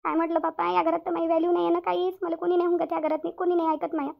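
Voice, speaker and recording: A woman voices a stern, self-pitying middle-aged mother-in-law in a cartoon family drama, nagging with repeated rhetorical questions in a Vidarbha Marathi accent and sounding tearful and wounded. Her voice is very high-pitched, level in tone, very fast, creaky and heavily acted. The audio is dull and lo-fi.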